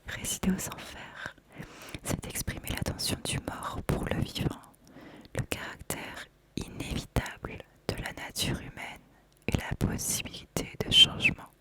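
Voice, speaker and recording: Her voice stays at a hush as she shows off an oracle card deck, an ASMR host pacing each phrase slowly and intentionally.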